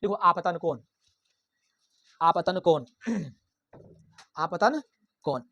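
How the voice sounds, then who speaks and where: Guy teaching physics to a class, loud and drilling, keeps asking stuff then answering it himself. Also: sits high, lively intonation, very slow. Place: classroom with students.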